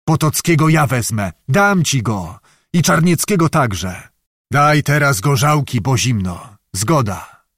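A man voicing a fierce, furious Tatar war chief with a hoarse, roaring voice in an audiobook. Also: medium pitch, lively intonation, slow pace, fairly bright tone, dry recording, clean studio sound. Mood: gruff. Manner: roaring, demanding.

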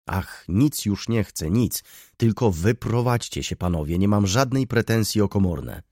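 A man voicing a fussy, complaining middle-aged baroness landlady in an audiobook, with a shrill, plaintive delivery. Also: normal speed, darkish tone, no room sound, studio quality, lightly acted. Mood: plaintive complaint. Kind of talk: audiobook reading.

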